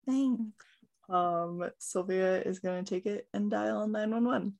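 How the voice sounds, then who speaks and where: A woman playing a tabletop game, relaxed, describing her character's actions. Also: mid-range voice, unhurried, gravelly. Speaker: player.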